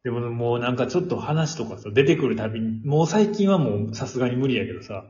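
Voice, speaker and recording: Lively Kansai man bantering, echoey room. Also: mid-range voice. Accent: Kansai Japanese. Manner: quick interjections and retorts, colloquial. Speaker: podcast co-host. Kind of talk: casual comic banter. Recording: roomy, echoey, dull lo-fi audio.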